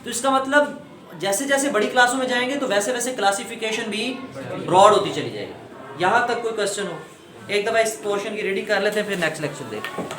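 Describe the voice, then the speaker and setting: A man's voice: high voice, expressive, fast, reverberant, far from the mic, background noise. A male teacher gives a classroom lecture, calling his students "beta" and repeating his own questions and answers.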